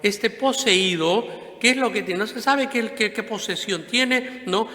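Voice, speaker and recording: In an echoey church with long reverb, a male priest gives a Sunday homily conversationally, often asking rhetorical questions and tagging many phrases with "¿no?". His voice is high-pitched, bright and forceful, at a measured pace.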